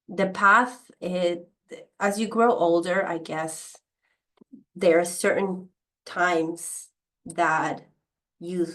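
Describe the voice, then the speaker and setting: Reflective woman, lowish voice. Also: fairly bright tone. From Costa Rica. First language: Spanish. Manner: reflective, many pauses and fillers. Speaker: podcast guest. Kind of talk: casual interview storytelling.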